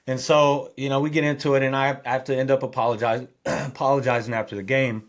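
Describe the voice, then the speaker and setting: Middle-aged guy on a podcast telling an old football story, normal pitch, gets fired up and loud in spots. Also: brisk. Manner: animated storyteller, gets louder and higher when excited. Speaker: guest, former football player. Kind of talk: storytelling in an interview.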